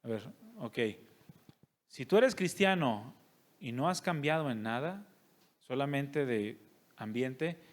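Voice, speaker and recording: A male pastor, preaching a sermon and putting rhetorical questions to his congregation. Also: medium pitch. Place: church service.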